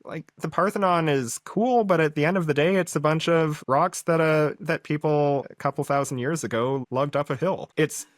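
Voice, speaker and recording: A man's voice: fairly high pitch, moderate pace, hardly any pauses, no echo, studio quality. A man hosting a podcast, chatting casually and often restarting his sentences. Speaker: podcast host. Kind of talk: casual conversation.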